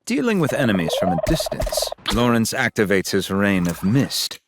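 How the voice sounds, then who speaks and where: A man's voice: lowish voice, sing-song, normal speed, heavy background noise. A man reading scripted narration for a video game character showcase.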